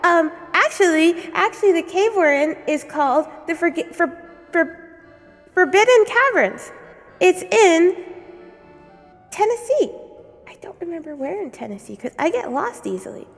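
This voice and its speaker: Very high-voiced woman in a cave echo. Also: sing-song, unhurried, faint music behind. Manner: giggly, rambling, stumbles over words. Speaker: livestream host. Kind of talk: casual chat with viewers. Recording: long echoing cave reverb.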